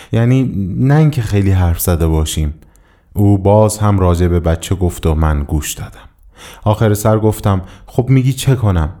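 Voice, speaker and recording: Deep-voiced man reading a somber story. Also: warm tone. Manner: measured, somber storytelling in the first person. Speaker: audiobook reader. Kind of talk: scripted literary narration.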